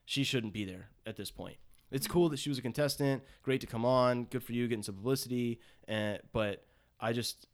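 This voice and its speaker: A man co-hosting a casual chat, animated and laughing often as he retells scenes. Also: medium pitch, brisk. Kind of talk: casual chat about a dating show.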